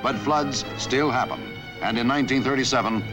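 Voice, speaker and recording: Male narrator, historical newsreel documentary, measured and authoritative, mid-pitched, prominent music behind. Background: background music.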